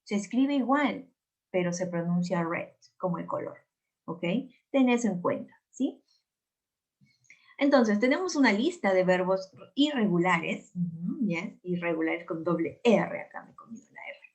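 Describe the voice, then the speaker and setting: A woman's voice: lowish voice, animated, moderate pace. A woman from Peru teaching English in a recorded video lesson, speaking with a Peruvian Spanish accent and patiently drilling words by repeating them.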